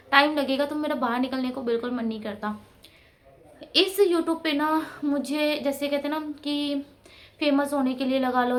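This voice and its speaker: A woman in her thirties chatting casually at home for her vlog, talking into a clip-on mic in a rambling, chatty way. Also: sits high. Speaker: vlogger. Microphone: clip-on mic close to mouth.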